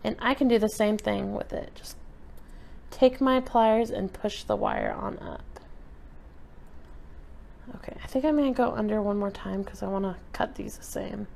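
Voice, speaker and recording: Chatty woman with a gravelly edge explaining a craft. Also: mid-range voice, moderate pace, long pauses. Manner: relaxed, chatty explaining while working with her hands. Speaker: craft instructor. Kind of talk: step-by-step craft tutorial. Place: at a craft table indoors, filmed from above.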